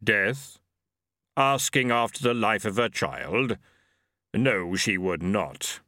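A man voicing Death, a grave skeletal figure who speaks slowly and deliberately. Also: expressive, sharp tone, no room sound, studio quality, exaggerated voice. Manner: deep, slow, measured. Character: Death, a grave, slow-spoken male skeleton.

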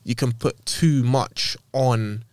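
A man's voice: medium pitch, takes it slowly, a little mellow, no room sound. A man with an urban London roadman accent giving opinions in casual, slangy football chat. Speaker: football podcast panellist.

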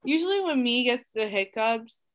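Tipsy young woman podcast co-host, slightly high and lively voice, chatty with easy laughs. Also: normal speed. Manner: chatty, laughing reactions and sign-off. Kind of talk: casual chat.

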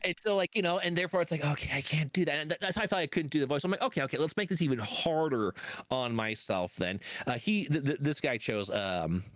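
A man co-hosting a podcast, telling a story in casual chat and acting out his own remarks with lively energy. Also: fairly high pitch, quick pace, no echo. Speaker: podcast co-host.

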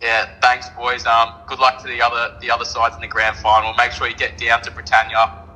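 An Australian man answering interview questions as a team captain in casual, cocky, deadpan chat. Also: mid-range voice, brisk, in a large hall, faint music behind, low-quality recording.

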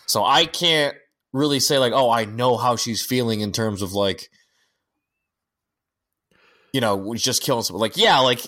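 A man's voice: medium pitch, unhurried, long pauses, sharp tone. Man, casual podcast chat, rambling, lots of "like", swears casually. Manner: rambling, many fillers and restarts, swears casually; firearms-nerd critiques. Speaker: podcast co-host.

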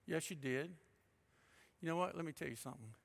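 A male pastor preaching a sermon, emphatic and shifting between loud and hushed delivery. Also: a little high, fairly quick, vocal fry.

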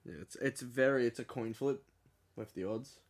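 A man's voice: mid-range voice, normal speed. An Australian man co-hosting a podcast, bantering casually with a friend in a blokey, sweary, teasing way. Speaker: podcast co-host.

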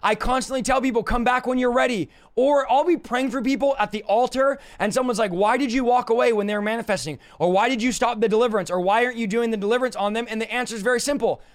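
A male preacher with a very high, raspy voice, strained and worn from overuse. He teaches informally to a livestream, pushing his points combatively and repeating them for emphasis. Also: quick pace, few pauses. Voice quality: hoarse, raspy. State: voice worn out from yelling. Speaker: preacher and deliverance minister.

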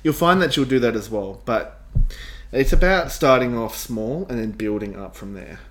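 A man's voice: mid-range voice, normal speed. A man co-hosting a casual podcast chat as the game master, talking cheerfully with lots of fillers and giggles.

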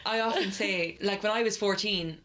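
A woman's voice: medium pitch, normal speed, a bit bright. A woman in her twenties with an Irish midlands accent, chatting casually and colloquially as a podcast co-host. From Ireland. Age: 20s. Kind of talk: casual banter between friends.

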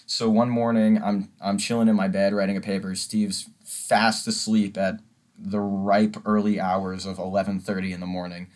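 A young man co-hosts a casual podcast and tells a story, acting out each moment as he goes. His voice sits a little low, and he talks loosely, swearing and laughing along the way. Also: little pitch movement, normal speed, a little mellow. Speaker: podcast co-host. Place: audio-only podcast recording.

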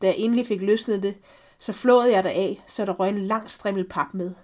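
A woman reading a first-person story aloud for a podcast, calm and measured. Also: mid-range voice. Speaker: podcast reader.

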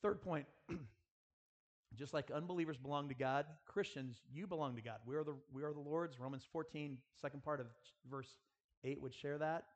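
A man whose voice is on the high side preaches at a moderate pace in an earnest school chapel style. He exhorts and directly addresses his listeners in a sermon full of rhetorical questions and prayer.

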